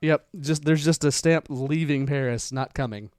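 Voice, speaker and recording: Man, podcast co-host, chatty rambling storyteller, smooth clear voice, dry close mic. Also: on the high side, normal speed, dry recording. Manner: rambling storyteller, animated retelling with repeats. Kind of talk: casual chat.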